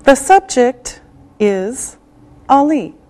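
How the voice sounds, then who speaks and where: A woman's voice: high-pitched, sing-song, extremely slow, darkish tone. A woman teaching a beginner language lesson, speaking with careful enunciation and repetitive drilling. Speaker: English teacher.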